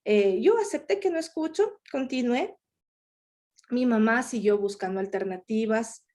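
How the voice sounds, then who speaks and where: A woman voicing a deaf speaker's talk live in the first person, halting, with many fillers and restarts. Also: on the high side, animated, darkish tone. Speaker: sign language interpreter voicing a deaf speaker. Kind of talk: live interpretation of a conference talk.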